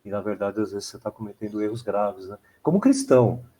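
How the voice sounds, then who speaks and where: Brazilian church member, husky, mellow tone, rambling reflection. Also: male voice, lowish voice, brisk. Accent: Brazilian Portuguese. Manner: rambling, repeats "né?" often. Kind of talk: church Bible study discussion.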